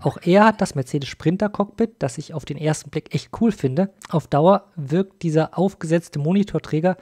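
Speaking straight to viewers, a man hosts an informal review video as a voice-over, with music playing behind him. His voice is fairly high and darkish in tone, at a moderate pace.

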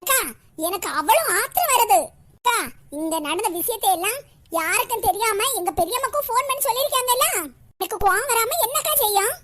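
A woman with a Kanyakumari Tamil accent voicing a scolding, indignant character in an animated comedy. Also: very high voice, brisk, a little hiss or hum.

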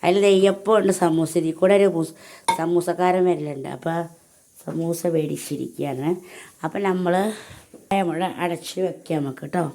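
A woman's voice: deep voice, steady tone, moderate pace, vocal fry, mellow, a little hiss or hum. A woman, chatting casually to her viewers in a homely home vlog. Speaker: home vlogger. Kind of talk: casual chat to camera.

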